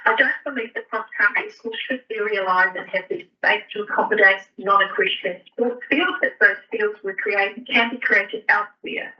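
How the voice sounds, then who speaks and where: A woman, heard over a phone on speakerphone, reading a prepared statement in an earnest, steady way with small hesitations. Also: mid-range voice, moderate pace, few pauses, recorded from a distance, muffled recording. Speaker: member of the public making a submission. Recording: speakerphone heard from across a meeting room.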